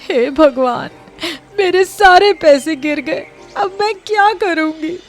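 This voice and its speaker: A woman voicing a grieving older village mother in an animated story, pleading and emotional, turning to anger when wronged. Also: mid-range voice, slow pace, slightly rough, faint music behind. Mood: grieving, defiant.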